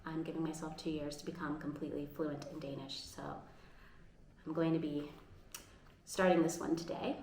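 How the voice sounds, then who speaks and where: Speaking at normal speed with frequent pauses, this American woman has a low voice with little pitch movement. Her casual home vlog is earnest and upbeat, sometimes restarting sentences, recorded in an echoey room with faint ambience and a crowd in the background.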